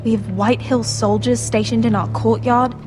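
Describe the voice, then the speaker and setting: A woman's voice: on the high side, fairly even intonation, moderate pace, over music, close to an everyday voice. A woman playing an earnest, worried young noble sister in a dramatic fantasy video game. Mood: urging. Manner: earnest, serious.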